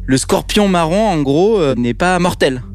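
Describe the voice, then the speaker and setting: Un homme qui imite une opératrice d'urgence calme et expéditive, au ton posé et factuel. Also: female voice, fairly low pitch, faint music behind, pitched above the performer's own voice. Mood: calm, brisk. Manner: calm, brisk, matter-of-fact. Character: calm female American emergency phone operator.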